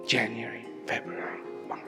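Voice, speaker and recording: With music playing behind him, a man narrates in a dramatic, motivational style, speaking slowly and with emphasis. He asks rhetorical questions and occasionally lowers his voice to nearly a whisper.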